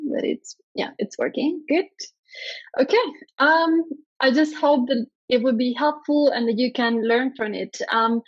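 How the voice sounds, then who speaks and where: Giving a conference presentation over a video call, a Spanish woman with a Spanish accent speaks in a high-sitting voice. The lo-fi audio has no echo, and her delivery is hesitant and filled with ums and uhs.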